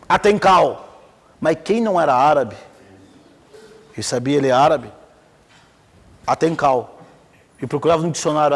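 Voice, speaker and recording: In a large hall, a man with a somewhat high voice and a Brazilian Portuguese accent gives an informal lecture on Islamic theology. He tells stories with energy and keeps asking the class questions.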